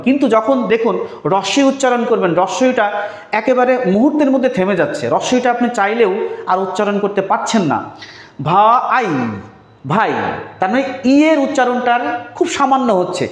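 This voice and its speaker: A man's voice: very high voice, fairly quick, roomy sound. A man teaching a live online grammar class, repeating key points and quizzing his listeners as he goes.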